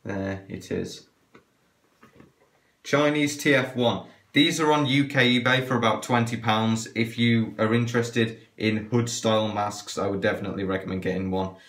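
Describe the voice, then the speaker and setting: A man's voice: lowish voice, steady tone, normal speed, a bit bright. Man talking through a cloth mask. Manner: chatty, hesitant, trails off with fillers. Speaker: gas mask reviewer. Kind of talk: casual unboxing review. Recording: echoey room.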